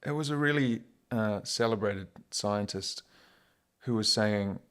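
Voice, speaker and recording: A man's voice: lowish voice, a little slow, a bit bright. A man with a New Zealand accent talking casually and reflectively as a podcast guest, in a wry, informal, philosophical way.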